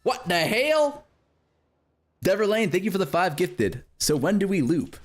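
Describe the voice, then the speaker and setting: A man's voice: sits high, animated, brisk. A man streaming a game live, chatting casually, cursing and joking while he reads out chat messages.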